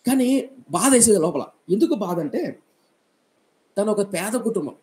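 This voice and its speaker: A man preacher tells a story in a sermon, animated and mixing in English words. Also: high-pitched, normal speed. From Kadapa region, India.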